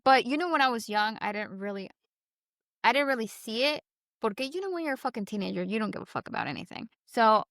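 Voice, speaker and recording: Bright-voiced blunt woman podcaster. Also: fairly high pitch, fast talker, no room sound, clean studio sound. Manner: blunt, swears freely, animated when retelling. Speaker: podcast co-host. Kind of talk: casual chat.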